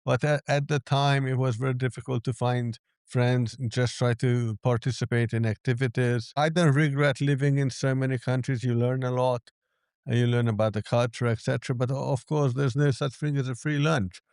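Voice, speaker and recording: Smooth-voiced man. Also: mid-range voice, fairly even intonation, moderate pace, a little mellow, no room sound, clean studio sound. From Hungary. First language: Hungarian. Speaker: app developer, guest. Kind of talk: interview answers.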